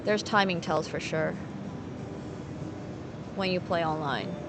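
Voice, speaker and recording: Over a very noisy background, a woman from Finland talks slowly in a lowish voice while playing poker on a casual live stream. She rambles in fragments, thinking out loud and replying to her viewers.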